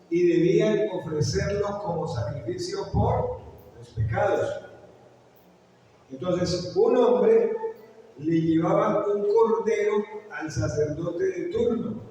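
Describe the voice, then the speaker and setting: A man's voice: high voice, mellow, a little hiss or hum. A man preaching a sermon as pastor, telling a story and putting questions to the congregation. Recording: echoey hall, picked up from far off.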